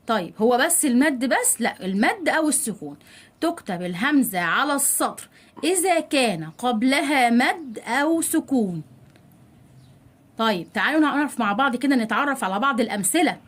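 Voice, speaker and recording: A woman with an Egyptian Arabic accent teaches a children's spelling lesson, her voice sitting a little high. She coaxes the kids along by posing questions and answering them herself. She draws out each example word slowly. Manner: coaxing, addresses kids directly.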